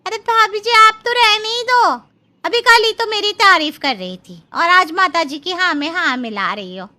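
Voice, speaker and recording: A woman's voice: extremely high pitch, animated, normal speed, bright, forceful tone, full character voice. A woman voicing a talkative housemaid in a cartoon who protests and praises her own work. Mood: protesting. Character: chatty self-praising housemaid.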